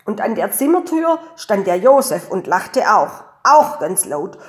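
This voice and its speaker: A woman reading a children's story aloud with lively, expressive storytelling. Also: mid-range voice, measured pace.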